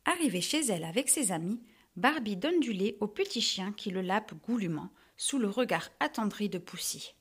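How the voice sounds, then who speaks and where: A woman narrating a children's storybook in a lively, expressive way. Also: medium pitch, moderate pace, breathy edge.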